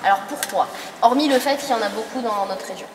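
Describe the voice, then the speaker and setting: A woman guiding a group tour through an indoor mining museum hall explains the displays and quizzes visitors, sounding tired and congested with a cold. She talks on the high side at a quick pace. A distant camera mic records her, with echo and noise in the hall.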